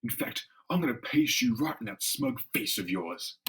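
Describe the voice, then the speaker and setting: A man voicing a gruff, bitter, combative brawler turned hulking monster in a dramatic comic-book reading. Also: huge pitch swings, normal speed, fairly bright tone, full character voice. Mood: angry, combative. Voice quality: gruff, low voice. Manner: combative, sneering tough-guy talk.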